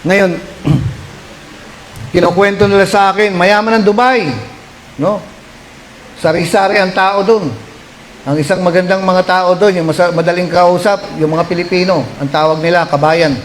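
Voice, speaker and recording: High-voiced Filipino pastor telling a story. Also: male voice, moderate pace, pauses often, a little hiss or hum, low-quality recording. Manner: animated, rising to shouts when voicing pleas. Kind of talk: storytelling sermon.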